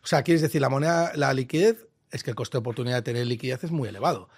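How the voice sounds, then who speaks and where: Gravelly man, opinionated. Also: mid-range voice, very fast, dry recording, clean studio sound. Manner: opinionated, explains with rhetorical questions. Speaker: investor guest. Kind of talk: casual interview talk.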